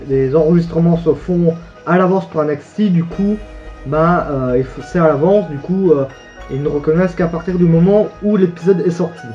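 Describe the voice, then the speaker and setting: A young man with a somewhat high voice, speaking French, rambles through his wrestling predictions as a YouTuber doing casual solo commentary. He hesitates often and keeps correcting himself, and the audio sounds dull.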